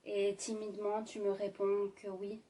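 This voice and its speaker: A woman doing an ASMR role-play as a sultry, intimate ASMR narrator, speaking sensually to the listener with lingering pauses. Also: mid-range voice, monotone, mellow, far from the mic, slight background noise, poor audio. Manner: slow, lingering delivery with deliberate pauses. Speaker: ASMR performer.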